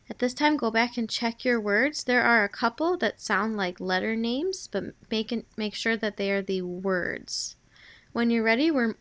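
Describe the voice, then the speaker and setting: A woman teacher leads a spelling review, saying every sound, word and sentence twice. Her voice sits a little high, and she speaks slowly and clearly so children can write along. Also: fairly bright tone. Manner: slow, clear dictation, repeating each word. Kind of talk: spelling dictation lesson.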